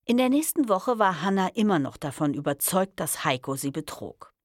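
A woman narrating a first-person novel in a wry, expressive way. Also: lowish voice, moderate pace, no echo, clean studio sound. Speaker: audiobook narrator.

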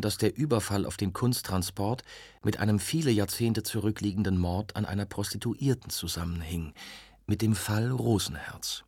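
A male audiobook narrator reads in an even, measured way. His voice is low with a husky edge. The recording is dry and close. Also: no echo. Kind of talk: scripted narration.

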